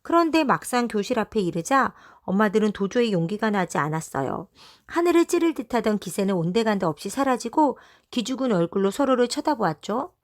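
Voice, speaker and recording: A woman teacher reading a children's storybook aloud, with a lively, expressive telling. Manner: lively, voices the mothers with quick pitch jumps.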